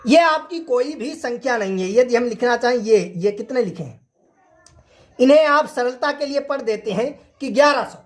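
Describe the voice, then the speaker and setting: A woman with a high voice teaches an online maths lesson. She drills each point through steady repetition. She keeps checking in with the class through rhetorical questions.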